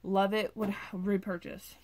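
A woman's voice: medium pitch, flat delivery, measured pace, darkish tone. Chatty woman gushing over wax scents. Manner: chatty, gushing, with many ums and likes. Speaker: vlogger reviewing wax melts. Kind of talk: casual product review.

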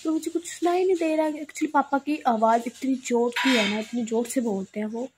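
Young woman from punjab vlogging, feeling sick and tired, kinda quiet soft voice. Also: high-pitched, normal speed, background noise. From Punjab, India. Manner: soft, subdued talk, she speaks quietly. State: unwell, in pain, short of sleep. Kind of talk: casual vlog chat.

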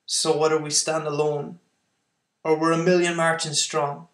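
A man's voice: fairly high pitch, flat delivery, normal speed, a bit bright, reverberant. A young man performing spoken word poetry, intense and building to impassioned outbursts.

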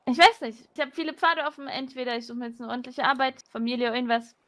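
Woman doing a touchy homeless girl in game roleplay, high voice, grumbles a lot. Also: steady tone, fast talker, a bit bright. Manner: distrustful, pouty complaining.

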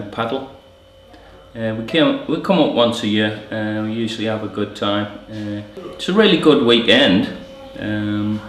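Middle-aged canoe club guy, low voice, hesitant, echoey room, mic far off. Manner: hesitant, many fillers. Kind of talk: documentary interview. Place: indoor room. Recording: roomy, from a distance.

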